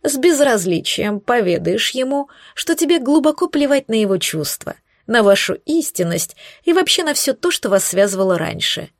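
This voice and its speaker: A woman voicing a scornful, smug young female witch who mocks and threatens in slow, hissing tones, recorded dry and close. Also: fairly high pitch, big pitch swings, no room sound. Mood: sneering. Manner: mocking, hissing, drawn-out threats.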